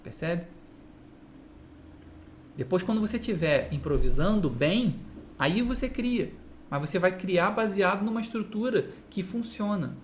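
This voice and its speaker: A man's voice: high voice, expressive, a little hiss or hum. Brazilian man teaching guitar to camera. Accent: Brazilian Portuguese. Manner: explains with repeated "entende?" and quick rhetorical asides. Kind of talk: direct-to-camera music lesson.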